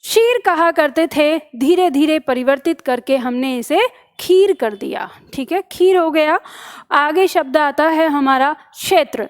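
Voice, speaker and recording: High-voiced woman teaching, repeating each answer. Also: lively intonation, measured pace. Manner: explains step by step, repeats answers as questions. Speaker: Hindi teacher. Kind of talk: online exam-prep lesson.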